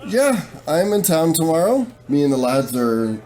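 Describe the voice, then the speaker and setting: A man's voice: on the high side, big pitch swings, moderate pace, dark tone, pitched above the performer's own voice. A man voicing a resigned male mercenary who hems and hesitates, with faint music behind.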